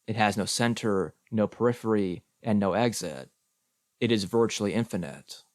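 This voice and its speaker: A man's voice: lowish voice, moderate pace, darkish tone, no echo, clean studio sound, natural voice. A man reading as defiant Eve. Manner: blunt, crude. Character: defiant rebellious woman Eve.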